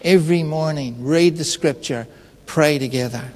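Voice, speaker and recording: A man preaching a sermon in an unhurried, conversational and personal way, telling stories. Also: fairly high pitch, big-room sound, slight background noise. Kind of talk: sermon with storytelling.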